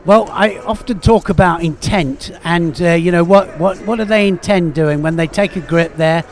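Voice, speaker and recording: A man giving expert co-commentary in live sport, eager and halting with lots of fillers. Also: sits high.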